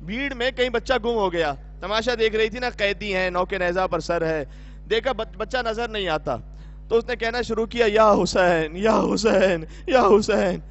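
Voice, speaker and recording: A man with a Pakistani Urdu accent preaches a Muharram sermon, his voice pitched very high and worked up to tearful cries. The recording is dull and lo-fi. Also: a bit bright. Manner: impassioned, weeping and crying out.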